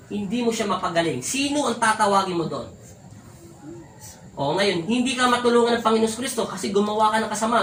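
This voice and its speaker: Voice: medium pitch, a bit bright. A folk faith healer scolds and instructs in a stern, preacher-like way, explaining healing to viewers and ordering spirits to leave. The voice sits back from the mic in a roomy, echoing space, with a faint hum of surroundings behind it. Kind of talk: healing session commentary and commands to spirits. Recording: echoey room, voice far from mic, faint ambient noise.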